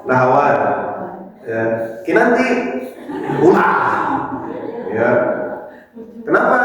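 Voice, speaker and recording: A man with a Sundanese accent preaching in a mosque, questioning the congregation and chanting verses. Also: a little high. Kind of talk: mosque sermon. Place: mosque hall. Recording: echoey mosque hall, mic far off.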